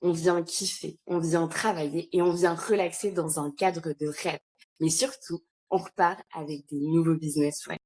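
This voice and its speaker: A woman in a casual podcast conversation, talking about her work in a lively, chatty way with frequent fillers and laughs. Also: low voice, normal speed. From France. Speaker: founder of an entrepreneur retreat, podcast guest.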